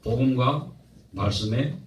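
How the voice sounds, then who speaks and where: A man's voice: mid-range voice, a little slow. A male pastor delivering a sermon with a humorous streak, teasing regional dialects and calling for amens from the congregation. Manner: exhorting, draws amens from the congregation. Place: church sanctuary. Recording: echoey church from a distance.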